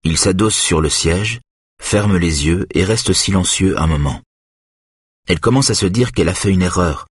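A man narrating an audiobook in a steady, even reading. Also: sits low, normal speed, husky, no room sound, clean studio sound.

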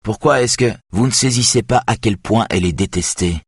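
A man's voice: fairly low pitch, fairly quick, slightly rough, dry recording, clean studio sound, pitched above the performer's own voice. A man voicing a nervous, defiant young male hacker who talks in a tense, insistent way.

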